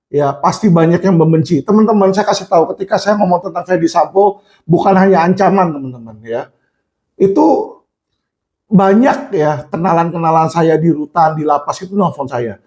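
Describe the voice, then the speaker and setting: A man speaking out to viewers in an impassioned monologue, emphatic, often addressing them as friends and acting out the people he quotes. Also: on the high side. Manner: emphatic, repeats "teman-teman" and "ya", acts out quoted people in raised shouts.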